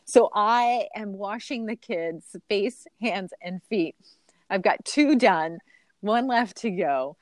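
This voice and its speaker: As a guest in an interview, a woman in her forties tells a hectic story about her family, frequently laughing and performing the lines she once said. She takes her time in an expressive, mid-range voice, with no room sound.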